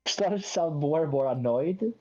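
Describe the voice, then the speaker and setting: A man's voice: a little high, animated, normal speed, a little mellow. Rambling man, dull lo-fi sound. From Sweden. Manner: rambling anecdote with self-mocking asides and quoted voices. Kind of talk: casual chat.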